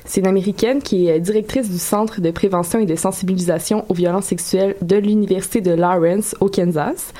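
A woman's voice: medium pitch, steady tone, fairly quick, hardly any pauses, mellow. A woman with a Quebec French accent, a radio guest explaining a subject in casual chat with frequent hesitations. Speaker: guest columnist.

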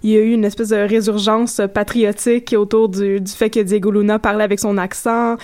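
A woman, co-hosting a casual film discussion podcast and talking quickly and eagerly. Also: mid-range voice, flat delivery, darkish tone. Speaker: podcast co-host.

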